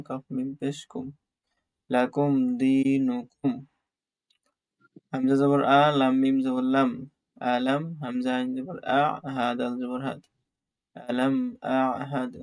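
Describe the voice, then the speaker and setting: A man teaching Quran reading in an online class, slowly spelling out Arabic letters and vowel marks in Bengali with a Bangladeshi accent. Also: mid-range voice, completely flat delivery, darkish tone. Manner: slow, drawn-out recitation of letters and vowel marks.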